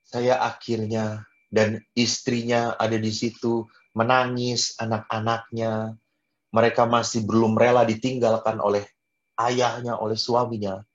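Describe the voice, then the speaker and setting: Expressive male priest preaching. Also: unhurried, highs cut off. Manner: expressive, wide swings in pitch and loudness; drops in English phrases. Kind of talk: sermon to a prayer group.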